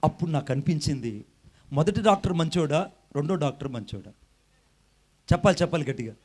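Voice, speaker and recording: A male preacher with a high-pitched voice delivers a sermon. He tells a long parable, sometimes dropping into halting English, and builds to loud, urgent exhortation. He speaks directly to his congregation. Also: expressive, breathy edge. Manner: tells a story with acted dialogue, then rises to loud exhortation; drops in halting English phrases. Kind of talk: sermon with a storytelling illustration.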